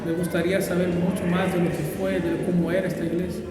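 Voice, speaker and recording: A pastor who grew up in Brazil, answering interview questions in a thoughtful, hesitant way with many fillers. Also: male voice, high voice, level tone, fast talker, heavy reverb, in a large hall, distant mic, crowd noise, poor audio.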